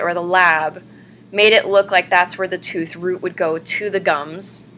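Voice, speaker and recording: A woman's voice: fairly low pitch, bright, forceful tone. A woman in her thirties talking casually and chattily to camera as a vlogger, recorded in a living room at home. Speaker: vlogger hosting a personal denture diary. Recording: noisy webcam room recording.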